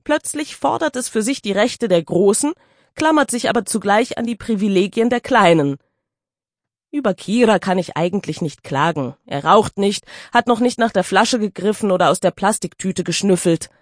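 Brief: a woman narrator, dry studio sound, expressive and animated reading. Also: medium pitch, normal speed, no echo. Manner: expressive, lively storytelling. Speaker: audiobook narrator. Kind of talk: audiobook narration.

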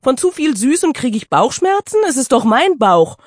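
A woman narrating an audiobook with expressive, lively storytelling. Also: high voice, moderate pace, dry recording, studio quality.

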